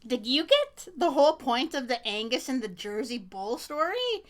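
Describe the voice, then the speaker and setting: A woman's voice: sits high, sing-song, moderate pace. A young woman from Canada co-hosting a podcast, chatting casually with lots of fillers and laughter. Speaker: podcast co-host. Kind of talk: casual chat.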